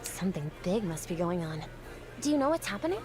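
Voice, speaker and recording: A woman's voice: lowish voice, fairly quick, music in the background. A woman playing a wide-eyed, sheltered, curious girl in a video game, with a bubbly, innocent manner. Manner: bubbly, naive, expressive.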